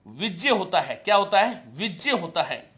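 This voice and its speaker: A man's voice: high voice, very animated, normal speed, fairly bright tone. A man teaching Hindi grammar in an online class, repeating key phrases several times and quizzing his students. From India. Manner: chants verse for students to repeat.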